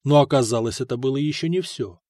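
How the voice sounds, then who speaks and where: A man narrating an audiobook story in a steady, expressive storytelling manner. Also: mid-range voice, quick pace, dry recording, studio quality. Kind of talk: scripted narration.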